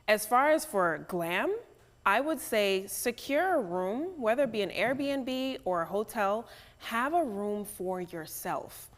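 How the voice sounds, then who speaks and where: A woman's voice: mid-range voice, lively intonation, slow pace. Woman talking in a reverberant room. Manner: conversational, often adds "right?". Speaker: beauty professional guest. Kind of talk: casual chat.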